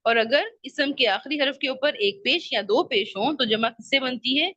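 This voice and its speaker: A woman's voice: high voice, bright, forceful tone, no room sound, highs cut off. A woman teaching an Arabic grammar lesson. She patiently repeats her questions and checks that her students understand.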